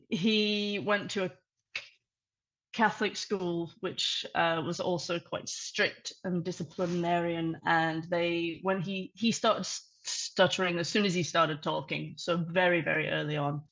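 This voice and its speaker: A woman's voice: lowish voice, a bit bright. A woman giving a conversational talk over a video call, with many fillers and restarts. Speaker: conference speaker.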